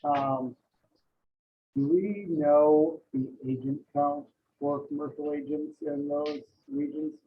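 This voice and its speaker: A man's voice: a little high, fairly even intonation, takes it slowly. A man asking polite, brief questions in a video meeting, his voice tinny and muffled as if talking into a can. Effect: tinny, muffled audio, like talking into a can. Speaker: meeting participant. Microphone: poor computer mic on a video call. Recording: tinny, phone-like call audio with faint noise.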